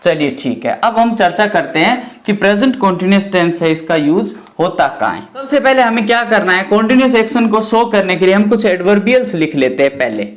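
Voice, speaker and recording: A middle-aged man gives a classroom grammar lecture, explaining step by step and often asking and answering his own questions. His voice is high-pitched with lively intonation, and he talks fairly quickly with few pauses.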